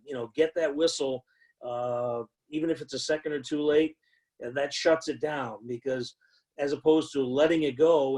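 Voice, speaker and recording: A man's voice: medium pitch, darkish tone, poor audio. A man teaching new football officials in a conversational way, with frequent fillers and repeated emphasis. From United States. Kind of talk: instructional talk.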